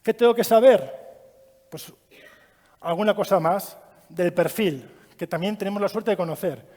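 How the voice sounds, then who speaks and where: A man giving a training talk to an audience, lively and asking them questions as he goes. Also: high voice, normal speed. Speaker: trainer giving a child-protection course. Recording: long hall reverb.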